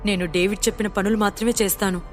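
A woman voicing a scared male henchman in an audio story, begging and quick to obey. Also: mid-range voice, fairly even intonation, faint music behind, lightly acted. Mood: pleading. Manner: pleading, eager to obey. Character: frightened pleading male henchman.

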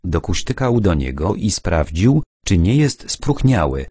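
Low, husky audiobook narrator, man. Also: sing-song, a little slow, mellow, no room sound, clean studio sound.

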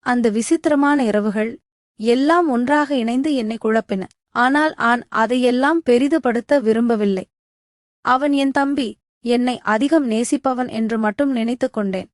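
Female narrator for a dramatic first-person story; high pitch, dry, tense delivery. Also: no room sound.

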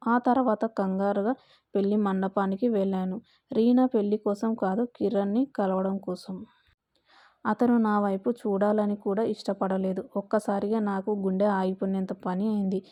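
A woman narrating a first-person story in a slow, emotional way. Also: medium pitch, warm tone, no room sound.

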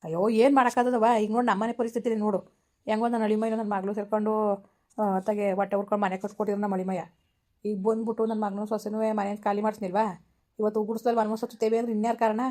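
A woman's voice: medium pitch, little pitch movement, mellow, lightly acted. A woman acting as a village woman who consoles the grandmother, soothing but blunt. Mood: consoling. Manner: soothing yet blunt, quick talk. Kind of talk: village comedy skit acting.

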